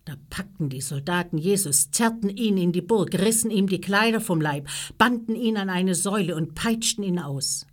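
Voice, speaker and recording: A woman reading a Bible story for children in a measured storytelling voice, lifting her voice for the characters' lines. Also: medium pitch, lively intonation. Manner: slow, measured reading, raising her voice for quoted speech.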